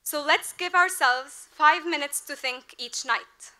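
A young woman in her twenties gives a commencement speech at an outdoor podium. Her voice is high and bright, and her delivery is earnest and rhetorical, rising to emphatic peaks. She speaks into a podium microphone. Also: slow. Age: 20s. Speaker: graduating class representative. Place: large outdoor ceremony at a podium. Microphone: podium mic.

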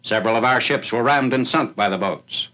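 On a noisy, hissy 1940s newsreel soundtrack, a male narrator reads wartime script in a measured, formal announcing manner. His mid-range voice sounds pushed and bright.

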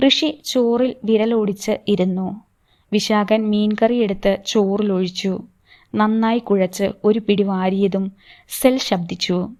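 A woman narrating a novel as an audiobook, with slow, even storytelling delivery. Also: mid-range voice. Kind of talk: novel reading.

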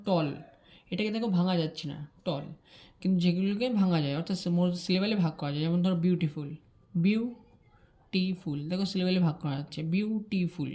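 Woman, grammar teacher, fast talker, slightly low voice, repeats key points. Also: mellow. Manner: brisk, repeats key terms, checks understanding with the listener. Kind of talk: explaining grammar rules to students.

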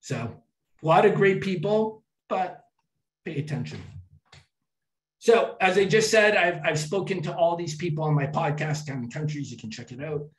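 A man's voice: fairly high pitch, moderate pace. A man giving a public talk to an audience and telling travel stories in a chatty way, with some restarts. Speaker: travel speaker. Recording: echoey hall from far off.

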